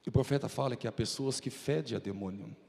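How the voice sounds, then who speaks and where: A man's voice: medium pitch, quick pace, gravelly, darkish tone. A man with a Brazilian Portuguese accent preaching a fervent, dramatic sermon as a pastor in a church. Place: church sanctuary. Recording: reverberant church hall.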